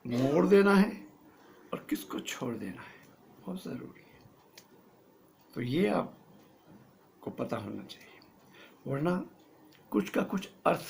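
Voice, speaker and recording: A man in his sixties, an acting teacher, explaining dialogue delivery in a lively, playful way. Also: a little high, gravelly, slight background noise. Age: 60s. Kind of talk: teaching lesson to camera.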